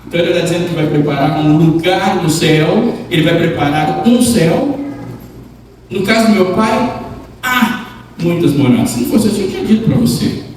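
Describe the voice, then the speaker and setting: A man preaching a sermon, emphatic and dramatic, moving between loud declarations and hushed near-whispers, putting questions straight to the congregation. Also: sits high, fairly quick, background noise. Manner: asks the congregation direct questions. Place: large church hall. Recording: echoey hall recording from far off.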